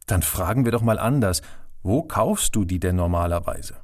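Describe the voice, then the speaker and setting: A man's voice: low voice, animated, normal speed, darkish tone. A man voicing a playful adult son who teases his parents in standard German. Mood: encouraging. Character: grown son, city-dwelling, playful and teasing.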